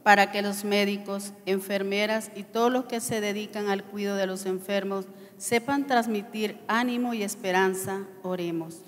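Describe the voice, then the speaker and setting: Woman lector, solemn measured reading, long cathedral echo, faint background noise. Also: mid-range voice, fairly even intonation. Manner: measured, solemn, repetitive cadence. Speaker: lector reading petitions at Mass. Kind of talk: liturgical reading of intercessions. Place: large church.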